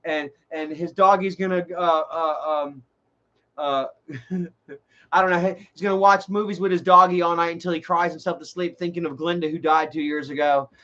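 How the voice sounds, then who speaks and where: A man's voice: fairly high pitch, steady tone, normal speed, bright, forceful tone, lo-fi sound. A man, rambling and swearing in a casual live stream, often restarting his sentences. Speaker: livestream host.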